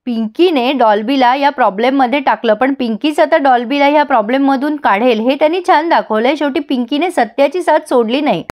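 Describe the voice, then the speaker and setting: A woman's voice: sits high, brisk, hardly any pauses, a little mellow. A woman retelling a TV serial episode in a storytelling manner, addressing her viewers directly. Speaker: serial recap narrator.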